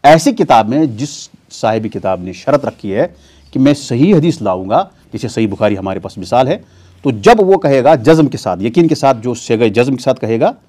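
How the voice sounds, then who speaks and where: A man's voice: mid-range voice, animated, normal speed, dark tone. A man teaching a weekly class in a mosque, asking his students rhetorical questions and answering them himself. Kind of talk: classroom lecture on hadith terminology.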